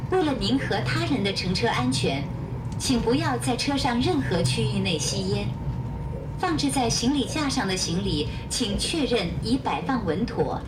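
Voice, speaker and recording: A woman making a formal, polite onboard announcement heard over a train loudspeaker. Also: on the high side, animated, moderate pace, recorded from a distance, very noisy. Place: inside a moving high-speed train.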